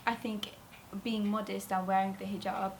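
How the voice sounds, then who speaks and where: A woman from Bangladesh speaking in a measured, thoughtful way in an interview. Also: medium pitch, flat delivery, creaky, a little hiss or hum. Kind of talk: documentary interview.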